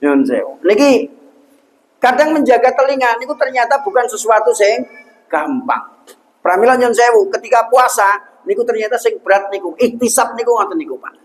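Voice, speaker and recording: A man's voice: extremely high pitch, animated, moderate pace, rough recording. A young man with a Javanese accent preaching a humorous sermon in a mosque, asking the congregation questions and answering them himself. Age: young adult.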